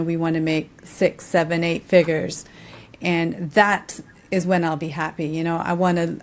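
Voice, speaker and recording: A woman hosting a podcast interview, responding in an affirming, thoughtful conversational way. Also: on the low side. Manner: affirming, thoughtful, with frequent backchannels. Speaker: podcast host.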